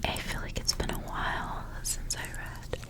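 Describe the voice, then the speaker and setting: For an ASMR recording, a woman reads stories aloud in a breathy, unvoiced whisper. Her delivery is casual, unhurried and informal.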